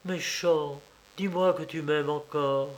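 A man reading an audiobook, voicing a distraught baroness who pleads through tears, lifting his voice higher for her. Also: steady tone, slow pace. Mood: pleading. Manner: pleading, tearful. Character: distraught emotional woman, a wealthy baroness.

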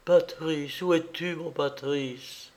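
A man's voice: fairly high pitch, steady tone, slow pace, darkish tone, pitched above the performer's own voice. A man doing a terrified young woman. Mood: frightened pleading. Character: frightened young woman trapped in the dark.

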